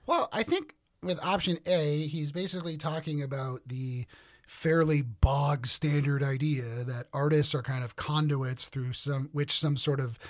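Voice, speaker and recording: Measured, slightly high-voiced male co-host. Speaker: podcast co-host. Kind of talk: scripted narration with casual discussion.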